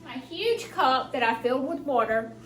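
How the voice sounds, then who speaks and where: A high-pitched woman talks viewers through her cooking step by step. Her speech is slightly hampered by new dental braces. She is casual and folksy, with faint household noise and crinkling in the background. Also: lively intonation, moderate pace, a bit bright. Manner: chatty, folksy, narrating each step as she works. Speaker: home cook hosting a cooking vlog. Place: home kitchen while cooking.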